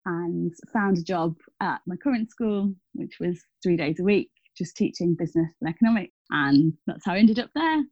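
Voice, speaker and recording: Chatty woman, low and mellow. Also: lively intonation, normal speed, few pauses, no room sound. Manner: chatty, frequent fillers and self-corrections. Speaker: teacher and guest. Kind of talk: casual interview answers. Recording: dull, dry lo-fi sound.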